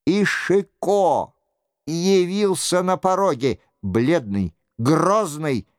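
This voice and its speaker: A male audiobook narrator reads a classic novel in a measured, theatrical way. His voice is fairly high and smooth, paced very slowly. The close studio mic gives a dry sound. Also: expressive, no room sound.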